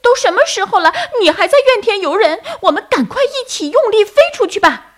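High, shrill cheeky turtledove for a kids' story; loud, alarmed, swooping. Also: female voice, animated, normal speed. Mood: urgent. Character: naughty mischievous young turtledove.

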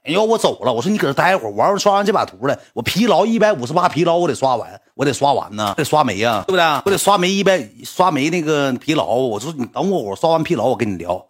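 A man's voice: a little high, big pitch swings, fast talker, few pauses, breathy edge. A man with a northeastern Chinese accent telling a casual story in a rambling way, repeating words and acting out what others said.

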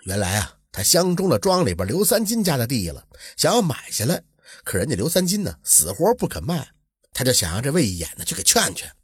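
A man narrating an old folk tale in a lively, colloquial storytelling manner. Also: medium pitch, a little fast, breathy edge, no echo, studio quality.

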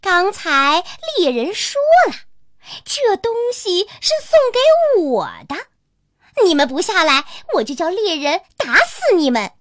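A woman's voice: very high-pitched, big pitch swings, takes it slowly, fairly bright tone, no echo, clean studio sound, exaggerated voice. A woman voicing a proud, selfish male fox in a children's bedtime story, bossy and boastful.

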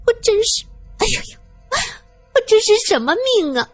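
A woman putting on a shrill, wailing shrewish wife. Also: sing-song, normal speed, no echo, faint music behind. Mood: wheedling. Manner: whining, melodramatic, shameless. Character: shrill wheedling middle-aged former dancer wife.

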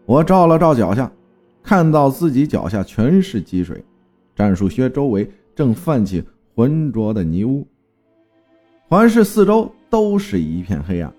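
A man's voice: mid-range voice, big pitch swings, measured pace, warm tone, faint music behind. A man telling a first-person horror story with dramatic storytelling and terse spoken commands.

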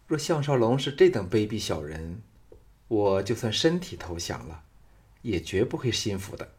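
A quick-witted young noblewoman from a read-aloud martial arts tale, as a male reader puts her on, answering with teasing defiance. The voice sits low, close to the reader's own. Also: big pitch swings, darkish tone. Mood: playful defiant. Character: witty talented young noblewoman.

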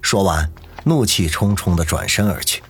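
A man's voice: sits low, animated, normal speed, slightly rough. A man narrating a novel as an audiobook, with dramatic storytelling. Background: faint music.

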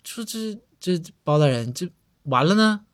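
Man voicing a high, excitable, naive young constable, lively swings in pitch. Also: measured pace. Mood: eager, naive. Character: eager timid young male constable Zhao Hu.

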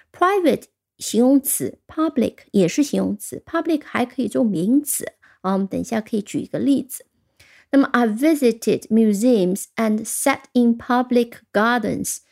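A woman teaching English vocabulary, patiently explaining step by step and spelling words out letter by letter. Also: sits high. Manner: explains step by step with soft fillers. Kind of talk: vocabulary lesson.

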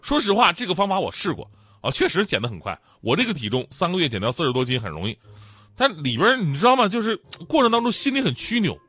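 A man's voice: high voice, huge pitch swings, quick pace, pushed and bright, breathy edge, dry recording. A man hosting a comic monologue in a chatty, joking way, with thick, swollen-tongued speech from a sore mouth. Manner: chatty, joking, laughs as they talk. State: mouth ulcer. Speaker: stand-up talk show host. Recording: dull lo-fi sound, faint music behind.

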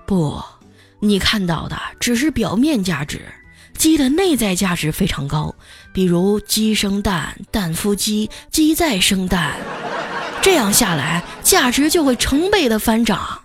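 A woman voicing a scheming old woman who lectures slowly while demanding money. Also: mid-range voice, very animated, soft background music. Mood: haggling. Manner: slow, drawn-out lecturing.

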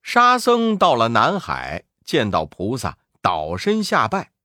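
A man telling a children's story in an expressive, sing-song way. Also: mid-range voice, takes it slowly, no room sound, clean studio sound.

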